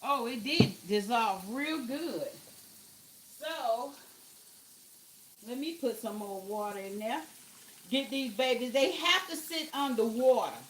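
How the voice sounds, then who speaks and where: A woman's voice: on the high side, lively intonation, takes it slowly, long pauses, a bit bright, slight background noise. A woman chatting casually to her viewers while cooking in her home kitchen. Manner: chatty, talks to viewers as "y'all", exclaims over the food. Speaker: cooking vlogger.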